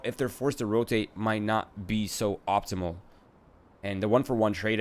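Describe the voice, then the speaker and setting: A man calling a video game match play-by-play in an animated, conversational way. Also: on the low side. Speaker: esports commentator. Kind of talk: live play-by-play commentary. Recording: clearly noisy, gunfire and game sounds behind.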